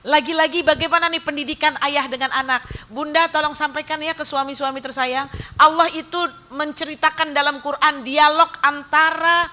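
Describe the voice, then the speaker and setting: Woman, religious teacher, women's study lecture, bright forceful voice, slightly high, animated, teasing asides. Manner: acts out dialogues in different voices.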